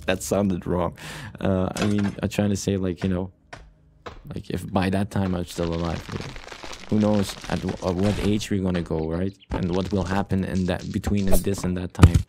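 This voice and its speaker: With a low, warm voice, a gaming YouTuber hosts let's play commentary over music. He's running short on sleep, so he rambles, jokes around, and circles back to the same phrases.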